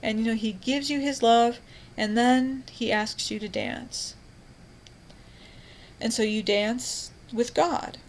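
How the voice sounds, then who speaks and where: Woman, slightly high voice, self-styled prophet; rambling, fervent, full of restarts and fillers. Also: takes it slowly, pauses often, a little hiss or hum, poor audio. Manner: rambling and fervent, with frequent restarts and "you know". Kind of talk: evangelizing monologue.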